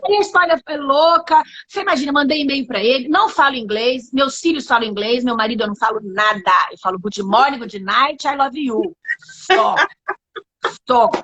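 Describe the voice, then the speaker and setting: A Brazilian woman, a guest in a casual interview, telling her testimony as an animated storyteller who acts out the dialogue. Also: sits high, normal speed.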